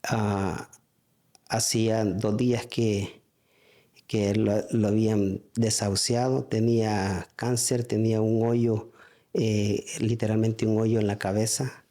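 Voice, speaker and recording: Halting man giving church testimony. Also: lowish voice, flat delivery, dark tone. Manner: halting, many restarts and fillers. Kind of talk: spoken testimony.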